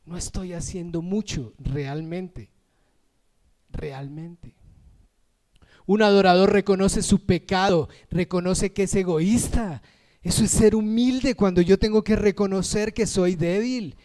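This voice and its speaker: High-voiced pastor preaching with fervor. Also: male voice, takes it slowly. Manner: emotional, shouts when moved; acts out everyday voices in asides. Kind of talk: lively sermon.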